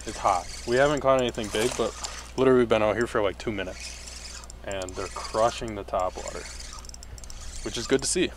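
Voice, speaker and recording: A man's voice: on the low side, fairly quick, slight background noise. A young man giving upbeat running commentary while fishing from a small boat on a lake, recorded on a handheld camera. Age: young adult. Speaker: fishing vlogger. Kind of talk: casual outdoor vlog commentary.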